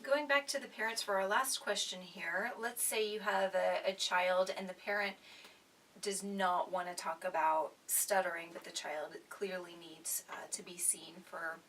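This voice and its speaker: A woman co-hosting a panel on stuttering, thoughtful and soft-spoken, with breathy trailing phrases. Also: lowish voice, steady tone, unhurried, distant mic, a little hiss or hum, poor audio. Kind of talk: casual panel discussion.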